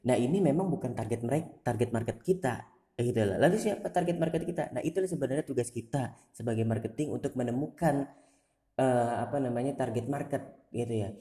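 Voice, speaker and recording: Brief: male host, dark mellow voice, loose rambling delivery, roomy reverb. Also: medium pitch, fairly quick. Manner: relaxed and rambling, many fillers. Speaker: channel host. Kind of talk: casual talk. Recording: echoey room with long reverb.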